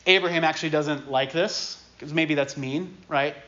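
Man preaching casually, slightly high voice. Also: fairly even intonation, normal speed, fairly bright tone. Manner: casual, conversational preaching with emphatic repetition. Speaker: pastor. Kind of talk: sermon. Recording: dull lo-fi sermon recording.

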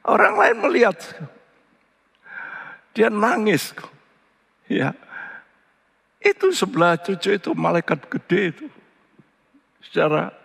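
A male pastor preaching a sermon, slow and deliberate, leaping into high animated voices when he tells stories. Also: creaky. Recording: long hall reverb.

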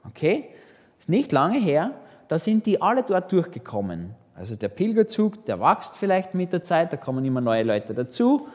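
A man delivers a sermon to a congregation, his voice pitched a little high for a man. He preaches in a lively, animated way and throws in rhetorical questions. His words ring out with the long reverb of a church hall. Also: normal speed. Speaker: pastor.

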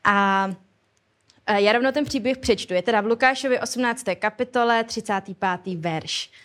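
A woman with a slightly high, fairly bright voice preaches an informal sermon at a church service and leads a prayer. She speaks conversationally, hesitating a lot and using colloquial phrasing.

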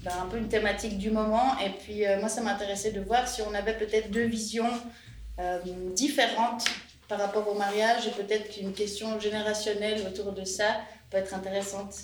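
A woman's voice: medium pitch, flat delivery, a little fast, a little hiss or hum. A woman hosting and moderating a podcast roundtable, speaking hesitantly with many fillers. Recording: roomy, distant mic, music behind.

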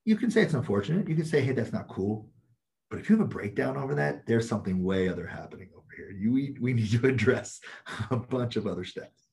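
A man's voice: medium pitch, sing-song, fast, gravelly, darkish tone. A man talking bluntly and emphatically as an interview guest, laughing often as he makes his points. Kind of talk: casual chat.

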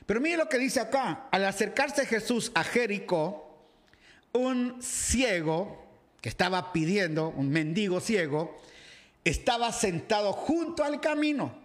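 A man's voice: high voice, unhurried. A man from Ecuador, a pastor preaching in a livestreamed sermon who reads a Bible passage, acts out its crowd and greets viewers' comments by name. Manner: animated, acts out the crowd and shouts in the story. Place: home, dressed casually for a live video.

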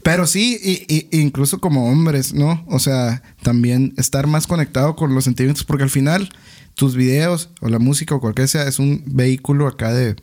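A man hosts a casual podcast, his voice pitched in the middle. He talks in an easygoing, relaxed way. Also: normal speed. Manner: relaxed, easygoing, with frequent backchannels. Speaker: podcast host.

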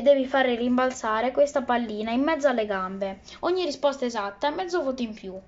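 A sly, bossy schoolteacher who needles his pupil in a teasing, commanding tone, read by a woman. The voice sits high. The recording sounds dull and lo-fi.

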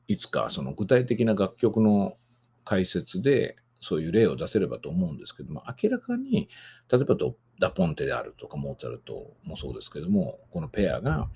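A man's voice: fairly low pitch, gravelly, dark tone, slightly rough. A man hosting a podcast lecture on singing diction, explaining rules patiently with frequent fillers. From Japan. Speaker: voice teacher and podcast host.

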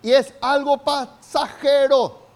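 A man delivers a sermon in a very high voice. He calls on the congregation to repeat after him, and his delivery climbs to shouting. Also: steady tone, slow pace. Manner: call-and-response preaching, builds to shouts. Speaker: pastor.

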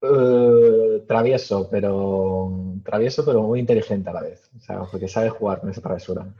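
A man answering interview questions casually, with many fillers and pauses. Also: fairly low pitch, dull audio. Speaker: podcast guest.

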